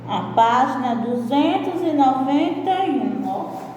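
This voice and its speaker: A woman preschool teacher with a Brazilian Portuguese accent, slowly sounding out syllables in a sing-song voice for a recorded class. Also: high-pitched, animated, a little mellow, muffled recording, a little hiss or hum. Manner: slow, drawn-out syllables, sing-song praise. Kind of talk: recorded remote class for young children. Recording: echoey room, far from the mic.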